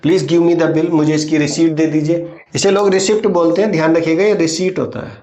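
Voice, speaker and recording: A man's voice: a little high, level tone, mellow, lo-fi sound. Indian man teaching phrases in an echoey room. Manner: explains in Hindi, models English phrases slowly. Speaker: English teacher. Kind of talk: spoken English lesson. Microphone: writes on a board while teaching.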